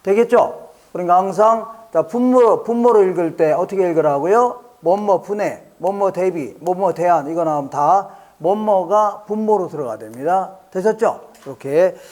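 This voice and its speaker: A man with a notably high voice lectures a classroom of exam students. He says each key phrase twice and keeps checking that the class is following. Now and then he trades light jokes with the students. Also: normal speed, darkish tone.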